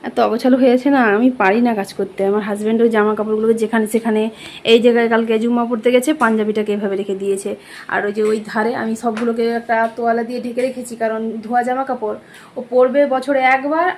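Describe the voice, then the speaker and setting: A middle-aged woman chats her way through a home cooking vlog, her voice quick and a little high. She grumbles about the housework and often stops to fix a word. A faint hum of household noise sits underneath. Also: rough recording. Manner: chatty, complaining, frequent self-corrections. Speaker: cooking vlogger. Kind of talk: casual home vlog narration. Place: at home, kitchen and rooms.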